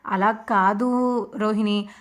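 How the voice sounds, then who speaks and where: A woman's voice: mid-range voice, level tone, slow, a bit bright. A woman voicing a guilty young husband who speaks meekly and apologetically.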